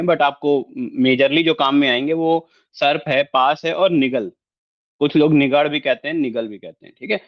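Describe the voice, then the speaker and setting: A male astrology teacher gives an online lesson with screen share, patiently explaining each point in a mix of Hindi and English and pausing often to check in. His voice sits a little high for a man, and the audio is slightly dull and lo-fi.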